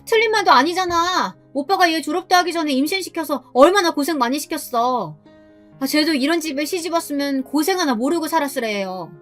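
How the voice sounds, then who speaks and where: Woman voicing a snippy spiteful friend, high-pitched. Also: lively intonation, brisk, fairly bright tone, faint music behind. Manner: snippy, blaming.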